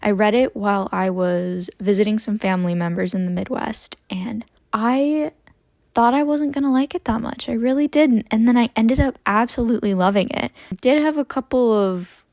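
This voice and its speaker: A young woman in her twenties chatting casually about her book haul, expressive and prone to tangents. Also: medium pitch, a little fast, few pauses, no echo. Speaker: book vlogger. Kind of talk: casual chat about books.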